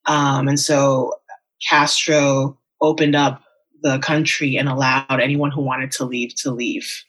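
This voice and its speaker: A woman's voice: very deep voice, level tone, takes it slowly, fairly bright tone, breathy edge. Candid woman writer in a casual interview. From Las Vegas and Miami, United States. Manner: thoughtful, many ums and likes, open and candid. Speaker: writer and writing teacher, podcast guest.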